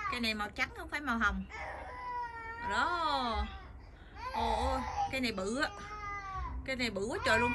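Woman, halting and repetitive home-vlog chat, noisy outdoor phone audio. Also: a little high. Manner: hesitant, repeats words while searching for them. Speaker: family vlogger. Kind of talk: casual vlog narration to viewers. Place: home garden outdoors, then kitchen.

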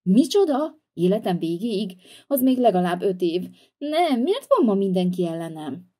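A woman's voice: fairly low pitch, sing-song, mellow. A woman voicing a sulky, hot-tempered young boy in a toy-figure video, whiny and defiant.

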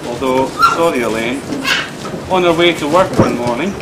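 A man's voice: medium pitch, normal speed. A middle-aged man giving a teasing, dryly humorous father-of-the-bride speech at a wedding reception. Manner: teasing, dry humour, anecdotal. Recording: loud crowd noise at a reception.

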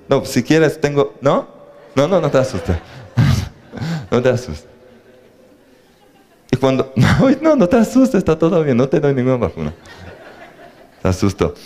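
A man giving a lecture on faith, his pitch rising and falling in a very lively way. He speaks at a middling pitch, puts rhetorical questions to the room and drops in jokes. The delivery is that of a teacher working a live crowd. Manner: animated, asks the audience questions, jokes. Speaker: religious teacher.

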